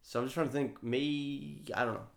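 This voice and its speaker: A man's voice: medium pitch, steady tone, moderate pace, gravelly. Rambling man in an echoey room. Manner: loose and rambling, full of "like" and "you know". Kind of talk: casual brainstorming chat. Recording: roomy echo.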